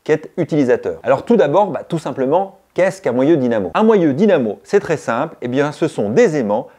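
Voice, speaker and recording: Mellow-voiced man reviewing bike gear. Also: a little high, big pitch swings, fairly quick. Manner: chatty, explaining step by step to viewers. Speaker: cycling channel host.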